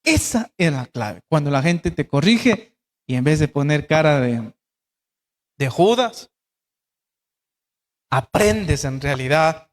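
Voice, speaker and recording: A man's voice: fairly high pitch, animated, slow, long pauses, long reverb tail. A man preaching a sermon as pastor, asking his congregation rhetorical questions. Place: church.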